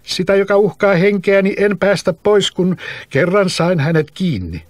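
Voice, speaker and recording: Clever young boy, self-assured, brisk, read by a man; raised pitch, dry close sound. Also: expressive, no room sound. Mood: defiant. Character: clever, bold young woodcutter's son. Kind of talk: storybook reading.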